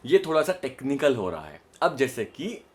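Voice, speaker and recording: Big swings in pitch mark this mid-range male voice as an Indian-accented voice modulation coach teaches at a moderate pace. Addressing the camera with demonstrations, he emphasizes points and repeatedly makes sure the viewer keeps up.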